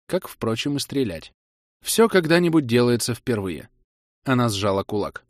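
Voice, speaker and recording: A man narrating a science fiction audiobook in a steady, measured reading. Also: mid-range voice, no echo, clean studio sound.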